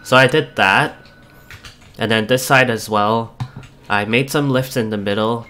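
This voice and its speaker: Bright-voiced man narrating gameplay. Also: mid-range voice, unhurried, a little hiss or hum. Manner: relaxed, walks through his building changes step by step. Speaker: let's play host. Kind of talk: casual gameplay commentary.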